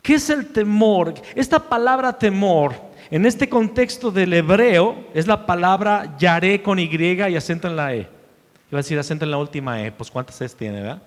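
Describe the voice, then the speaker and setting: A man preaching a sermon as pastor, emphatic, repeating key phrases and swinging between loud declarations and hushed asides. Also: sits high, expressive, moderate pace. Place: church sanctuary. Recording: long hall reverb.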